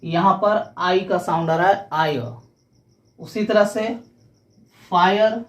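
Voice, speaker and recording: A woman's voice: on the low side, takes it slowly. A woman teaching English pronunciation, explaining rules step by step and spelling words out letter by letter.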